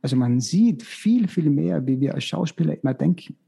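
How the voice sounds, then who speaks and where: Gravelly, husky man giving casting advice. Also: a little high, animated, moderate pace, mellow. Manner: reflective, gives practical advice with many restarts. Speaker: casting director. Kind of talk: casual expert discussion.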